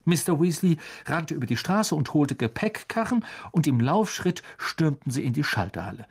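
A man narrating a children's fantasy audiobook in an expressive storytelling manner. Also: mid-range voice, slightly rough. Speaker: audiobook reader.

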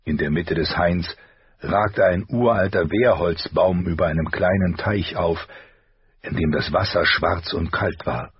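A man narrating an audiobook in a measured, grave storytelling manner. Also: low-pitched, husky, no echo, lo-fi sound. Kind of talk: scripted narration.

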